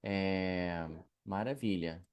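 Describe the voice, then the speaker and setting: Slow, patient male English teacher. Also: deep voice, darkish tone, clean tone. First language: Portuguese. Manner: slow, patient, spells out example sentences. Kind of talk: online English lesson.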